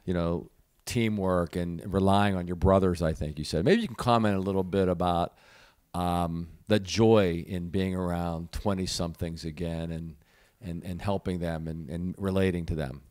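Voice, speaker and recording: Audience questioner, male, from Pittsburgh; very deep voice, dry sound, hesitant delivery. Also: fairly even intonation, a little mellow, no echo. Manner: halting, many fillers. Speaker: audience member asking a question. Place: event audience.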